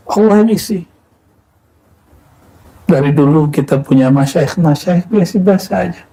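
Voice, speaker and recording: A man delivers a religious talk in an unhurried, conversational teaching style. His voice is mellow and warm, sitting a little high for a man. He poses questions to listeners and answers them himself. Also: slightly rough, rough recording. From Indonesia. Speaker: preacher. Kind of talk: sufi sermon.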